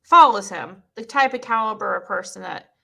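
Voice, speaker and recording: A woman streamer with a squeaky voice chatting bluntly and rambling with her viewers, recorded on a cheap mic. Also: expressive, normal speed, vocal fry, bright, forceful tone. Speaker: streamer reading chat. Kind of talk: casual live-stream commentary. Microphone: cheap twelve-dollar mic.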